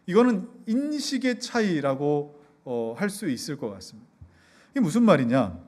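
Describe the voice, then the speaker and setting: A man's voice: high voice, darkish tone. A male pastor giving an expository sermon, asking the congregation rhetorical questions as he goes. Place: church hall in a basement.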